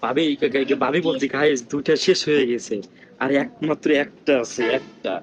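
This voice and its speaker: A man vlogging with a rural Bangladeshi Bengali accent, keeping his voice low and hushed as he talks to viewers during an eating challenge in a village. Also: normal speed, a little hiss or hum. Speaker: vlogger host. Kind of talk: casual vlog commentary. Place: village house outdoors.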